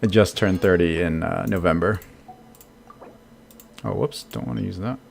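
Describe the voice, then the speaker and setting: A deep, creaky, slightly mellow voice comes through with a bit of hiss or hum, moving at a moderate pace. It is an American man in his thirties casually streaming a game, laughing often and talking to his chat.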